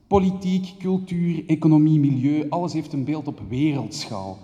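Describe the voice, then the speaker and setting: A man performs a poetic spoken-word monologue from a theater stage. He pours out long, rhythmic lists of words with intensity. His fairly high voice rings out with the long reverb of a big hall. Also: normal speed, mellow, muffled recording. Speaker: theater maker giving a speech.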